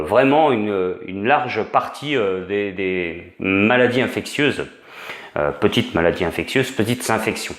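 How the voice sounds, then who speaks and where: A man's voice: lowish voice, roomy sound. A man giving an informal spoken lesson as an instructor, hesitant, with many fillers and restarts. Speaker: essential oils instructor.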